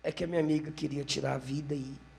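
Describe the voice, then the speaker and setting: A man's voice: on the high side, flat delivery, fast talker, gravelly, slight background noise. A man voicing a grieving woman who speaks in tears. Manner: tearful, quiet.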